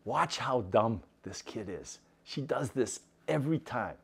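Snide teen boy of thirteen, done by a man, hushed and mocking, lively pitch. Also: unhurried, vocal fry, slightly rough, full character voice. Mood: sneering.

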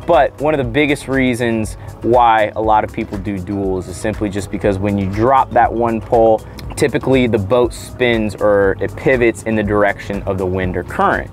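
Upbeat man hosting an outdoor boat vlog. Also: mid-range voice. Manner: upbeat, relaxed explaining to viewers. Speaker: channel host. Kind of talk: casual how-to vlog. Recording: faint music underneath.

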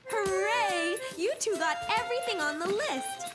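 Cheerful, encouraging young cartoon babysitter, high-pitched, with prominent music behind. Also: female voice, lively intonation, measured pace. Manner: upbeat, encouraging. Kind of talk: children's cartoon acting.

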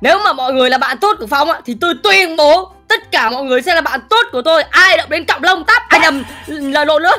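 Picture a shy ex-bully schoolboy who trips over every word, repeating himself as he works up his courage, as a man acts him out. The voice is pitched up high, with soft music underneath. It plays like a Minecraft role-play scene. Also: expressive, fast, few pauses, heavily acted. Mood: boastful. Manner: stammering, repeating words nervously. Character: bashful teenage boy, reformed school bully.

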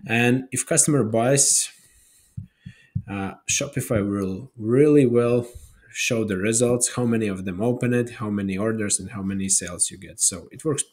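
A man in his thirties talks through a software tutorial at his desk in a practical, matter-of-fact way. His voice sits a little low and has a husky edge. His phrasing carries small grammar slips, and the sound is a close webcam-style recording. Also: normal speed. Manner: plain, practical explaining with non-native grammar slips. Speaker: tutorial host. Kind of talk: screen-share software tutorial. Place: indoor room, webcam overlay.

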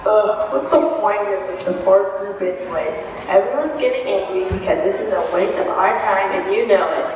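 A woman's voice: mid-range voice, normal speed, close to an everyday voice. A young woman playing a stubborn, scornful, self-assured group member in an amateur stage skit. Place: large event tent stage, distant camera. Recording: very echoey tent, far off, faint noise.

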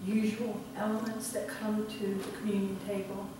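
A woman pastor leading prayer and the communion liturgy in a measured, formal way, her voice carrying the long echo of a large church sanctuary. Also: medium pitch, little pitch movement. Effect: cathedral echo, heard from far off. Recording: echoey sanctuary from a distance, background noise.

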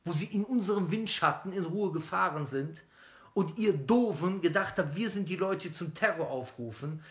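A man's voice: high voice, expressive, moderate pace, fairly bright tone. A middle-aged man, a preacher, gives an indignant, sarcastic statement to a close phone camera in a small room. He fires off rhetorical questions and mocks his critics, sometimes dropping to a sneering murmur. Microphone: phone camera at close range. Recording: roomy echo.

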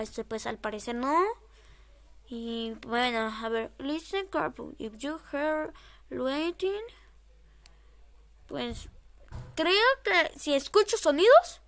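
A woman's voice: high-pitched, a bit bright, smooth. A woman horror game streamer giving casual, scared gameplay commentary, nervously repeating short phrases.

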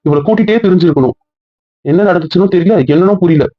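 Young husband in a home couple skit. Rapid, teasing scolding, slightly high voice, dry lo-fi sound. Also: male voice, no echo. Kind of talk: casual couple banter. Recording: dull, dry lo-fi audio.

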